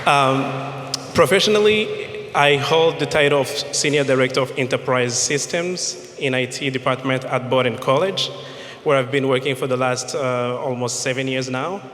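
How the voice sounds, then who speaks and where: A man's voice: mid-range voice, normal speed, a bit bright. A young man from the Democratic Republic of Congo introducing himself politely on a live panel. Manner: composed, polite. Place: event stage. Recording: echoey hall reverb.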